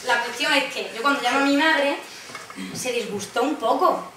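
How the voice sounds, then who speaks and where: Woman, conference speaker, high voice, lively storyteller, far the mic with hall echo and room noise. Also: moderate pace. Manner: animated, acts out quoted voices, laughs often. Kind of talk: lively personal storytelling talk. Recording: echoey hall, distant mic, background noise.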